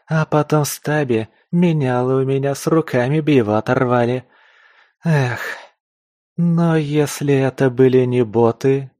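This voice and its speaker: A man's voice: medium pitch, darkish tone, no room sound, clean studio sound, voice pushed up, natural voice. A man voicing a tough, wounded young woman scavenger who mutters and curses to herself in a storybook reading. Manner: muttering to herself, gruff, cursing.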